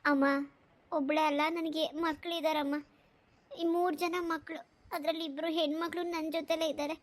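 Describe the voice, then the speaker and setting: A woman voicing a poor, abandoned young mother in a cartoon, speaking softly and respectfully. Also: sits high, little pitch movement, moderate pace, close to an everyday voice. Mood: sorrowful. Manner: soft, pleading and respectful. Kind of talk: cartoon voice acting.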